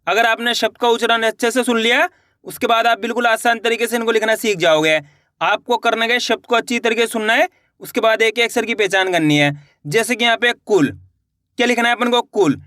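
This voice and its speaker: A man's voice: very high-pitched, fairly quick, sharp tone, no room sound, clean studio sound. A man teaching a lesson step by step, asking questions and answering them himself, with an Indian Hindi accent. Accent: Hindi-speaking India. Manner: repeats words, asks and answers own questions.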